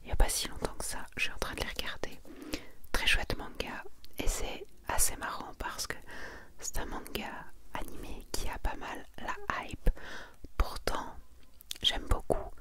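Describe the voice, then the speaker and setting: Softly whispering, a woman leads an ASMR video about her manga collection. Her delivery is hushed and slow as she reads summaries and makes easygoing comments.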